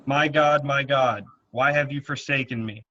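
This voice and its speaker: A man reads Jesus crying out in anguish, with loud calls in a bright voice. The recording sounds dull and muffled. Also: mid-range voice, steady tone, moderate pace. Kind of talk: church scripture reading in parts.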